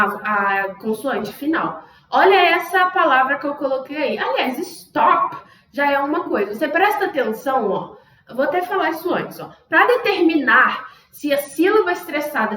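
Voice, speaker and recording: A woman's voice: high-pitched, fairly bright tone, reverberant, distant mic, rough recording. A young woman teaching an English lesson, explaining a rule patiently and saying example words again and again with exaggerated stress. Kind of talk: online language lesson.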